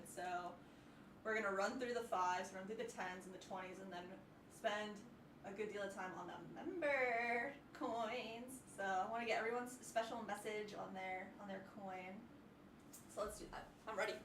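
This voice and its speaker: A woman's voice: mid-range voice, steady tone, moderate pace. A woman co-hosting a live stream from a pottery studio, upbeat, planning the day's work aloud. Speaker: livestream co-host and potter. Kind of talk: casual chat. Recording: distant, echoey studio with background noise.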